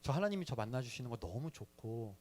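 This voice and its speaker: A man's voice: mid-range voice, very animated, fast, darkish tone. A young man telling his personal faith story in a sermon to a youth service, chatty and playful with the audience. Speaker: youth ministry speaker.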